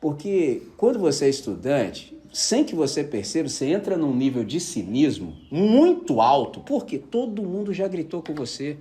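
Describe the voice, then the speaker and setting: A man's voice: on the high side, moderate pace, hardly any pauses. A man preaching a casual sermon, telling personal stories and checking with his listeners that they follow. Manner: animated storyteller, keeps asking the audience if they follow.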